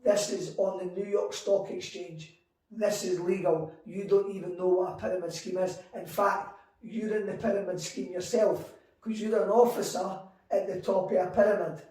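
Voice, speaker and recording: A man in his forties telling his story in an interview, animated and acting out quoted conversations. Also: high-pitched, normal speed. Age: 40s. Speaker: guest entrepreneur. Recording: echoey room, mic at a distance.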